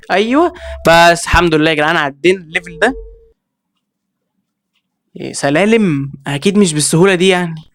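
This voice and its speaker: A man with an Egyptian accent giving excitable let's-play commentary, reacting with quick exclamations and talking straight to his viewers. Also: on the high side. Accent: Egyptian Arabic. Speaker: gaming video creator.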